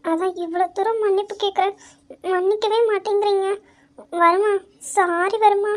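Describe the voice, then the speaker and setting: A woman voicing a tearful, very high-voiced young wife. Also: steady tone, moderate pace, a little hiss or hum. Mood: tearful pleading. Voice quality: very high, girlish voice. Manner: pleading, sobbing between words. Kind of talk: hobby audio drama acting.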